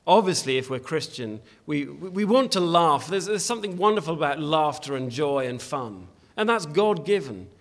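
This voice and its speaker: A man's voice: on the high side, lively intonation, normal speed, hardly any pauses. A man preaching a sermon in a church, earnest and emphatic, often restarting his phrases as he exhorts the congregation.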